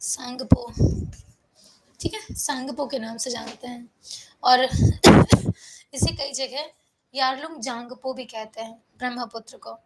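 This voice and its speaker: A woman teaching an online geography class, feeling unwell and low on energy, who explains step by step, asks her own questions and then answers them, and keeps checking in with her students. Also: steady tone, slow pace, long pauses, noisy background. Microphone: close microphone.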